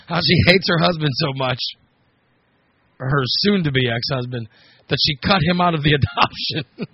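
A man's voice: on the high side, measured pace, long pauses, husky, no echo. A man hosting a casual comedic internet talk show, rambling and interrupting himself as he chats. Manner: rambling, self-interrupting, chatty. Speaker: show host. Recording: dull lo-fi recording.

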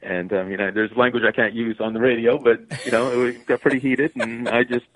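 A Canadian stage entertainer, appearing as an interview guest, tells stories in a relaxed, conversational way. His mid-range voice stays fairly even and brisk. The line sounds tinny and phone-like, dry with no echo.

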